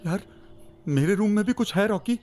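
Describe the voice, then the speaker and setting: A woman's voice: mid-range voice, expressive, normal speed, darkish tone, a little hiss or hum, natural voice. A woman voicing a frightened young man in a horror audio drama, stammering and chattering nervously.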